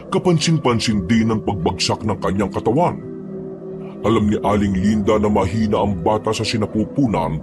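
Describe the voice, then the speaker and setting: A man narrating a horror story in a steady, grave manner. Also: lowish voice. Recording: narration over loud music.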